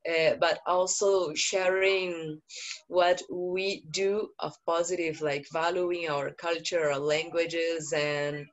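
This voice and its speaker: Over a video call from indoors, an earnest Brazilian activist, a native Portuguese speaker, delivers a panel talk. Her voice is fairly low with little pitch movement, and she speaks slowly and measuredly, pausing often and using fillers.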